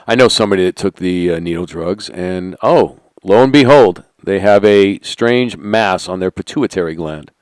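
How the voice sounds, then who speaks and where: Deep-voiced man with rhetorical questions. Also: moderate pace, hardly any pauses, smooth, dry recording. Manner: conspiratorial, rhetorical questions, drops to quiet asides. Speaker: channel host. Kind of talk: monologue to camera.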